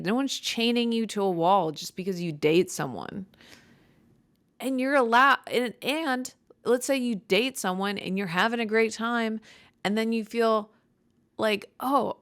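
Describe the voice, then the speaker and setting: A young woman from Chicago hosting her own podcast in casual, blunt, joking chat, with vocal fry and a dry voice. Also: fairly high pitch, animated, unhurried, no echo. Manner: blunt, joking, swears freely. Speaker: podcast host.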